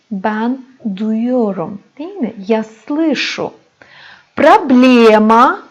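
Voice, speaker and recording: A woman teaching a language lesson, repeating words slowly and addressing her students as friends. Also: fairly high pitch. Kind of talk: slow classroom explanation. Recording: dull lo-fi recording.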